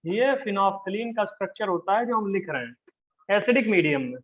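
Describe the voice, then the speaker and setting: A man teaches a live chemistry class in a fairly high voice. He keeps up a teasing, chatty patter and keeps asking whether the students follow. The classroom recording sounds muffled and lo-fi. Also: big pitch swings, moderate pace.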